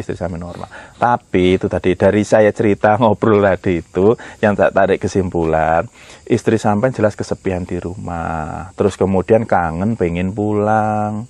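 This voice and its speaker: A man's voice: low-pitched, darkish tone, no echo. Dry-voiced man telling a story casually. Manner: rambling, repeats phrases, conversational asides. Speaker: storyteller recounting healing experiences.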